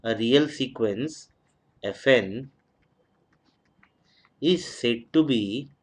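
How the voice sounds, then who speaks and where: Slow, dictating male maths lecturer. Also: mid-range voice. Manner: mixes Hindi and English, dictates slowly, repeating each phrase. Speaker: mathematics lecturer. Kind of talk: recorded online lecture, dictating notes.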